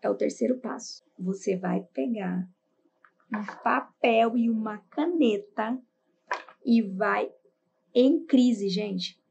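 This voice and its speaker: Brazilian woman, self-help coach, direct and emphatic, raspy fry at the edges. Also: a little high, slow, darkish tone, muffled recording, slight background noise. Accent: Brazilian Portuguese. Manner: emphatic, direct, acts out breathing and heartbeats. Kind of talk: motivational talk.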